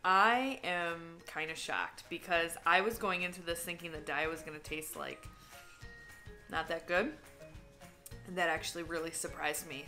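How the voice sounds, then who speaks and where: A woman's voice: on the low side, pushed and bright. A woman chatting casually while tasting food for a vlog, candid and talkative, sometimes talking with her mouth full. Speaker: vlogger. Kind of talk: casual taste-test vlog.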